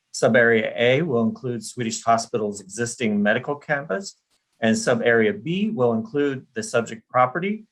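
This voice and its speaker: A man presents a planning proposal over a video call in a middle-pitched voice. He reads steadily and formally from a prepared script. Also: fairly bright tone, rough recording.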